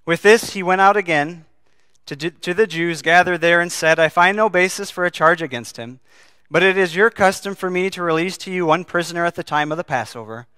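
A man preaching an earnest sermon to his congregation, his voice bright and forceful. The sound is crisp and resonant, recorded dry and close with no room echo. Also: sits high, brisk. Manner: earnest, asks the congregation questions. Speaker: pastor. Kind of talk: sermon with scripture reading.

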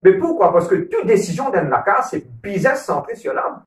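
At a church couples program, a married churchgoer with a Mauritian Creole accent speaks earnestly and casually about marriage, repeating his points and checking in often with "ok?". His voice sits high with big pitch swings at a moderate pace, recorded far from the mic in a room with roomy echo.

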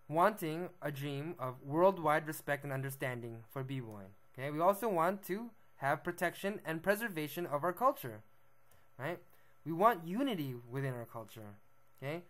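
Young male b-boy vlogger, a little high-pitched, laid-back lecture tone, constant "right?" check-ins. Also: a bit bright. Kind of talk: casual explanatory monologue.

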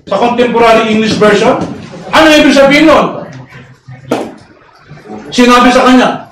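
High-voiced man arguing in an echoey room. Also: normal speed. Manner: loud, sometimes shouting, with rhetorical questions. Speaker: debater. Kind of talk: heated debate argument. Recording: echoey room, voice far from mic, faint noise.

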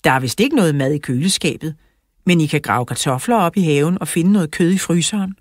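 A woman's voice: sits low, expressive, no echo, clean studio sound. A woman voicing a cheerful grown woman laid up with a sore back, in a children's audiobook. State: in pain from her back.

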